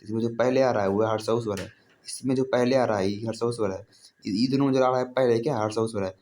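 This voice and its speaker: A man's voice: medium pitch, fast talker, a little mellow. A man teaching Hindi grammar in a casual classroom style, repeating points and asking and answering his own questions. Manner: casual, addresses listeners as brother. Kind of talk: informal classroom-style explanation.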